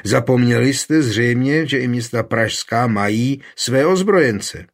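A man's voice: medium pitch, voice pushed up, lightly acted. A man reading a scornful, dismissive town mayor. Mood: sneering. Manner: sneering.

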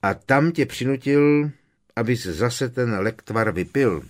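A man's voice: low-pitched, big pitch swings. A man voicing an earnest young wizard who keeps pressing with questions. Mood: probing.

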